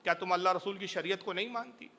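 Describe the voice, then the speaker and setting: Devout male scholar, stern and urgent, done by a preacher in his own voice; high, forceful tone. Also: heavily acted. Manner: earnest, urgent. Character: pious male scholar, stern then compassionate.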